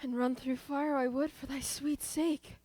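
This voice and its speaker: An eager, teasing young man in love, with a bright, high voice that leaps up and down, as a woman plays him on a school stage. The sound is dry and close. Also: little pitch movement, measured pace, no echo. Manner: sweeping pitch swings, laughing through lines. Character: young male lover Lysander, ardent and playful.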